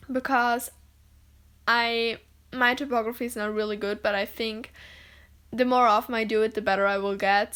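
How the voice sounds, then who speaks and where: A woman's voice: fairly high pitch, fairly bright tone, smooth. Rambling young woman. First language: German. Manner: rambling, with many "like"s and self-corrections. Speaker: video editor. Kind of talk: casual voice-over narrating an editing screen recording.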